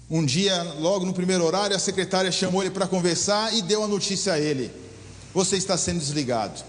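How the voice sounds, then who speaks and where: A man's voice: high voice, fairly bright tone. A man preaching, telling a story and repeating key phrases for emphasis. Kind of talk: sermon storytelling. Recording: long hall reverb.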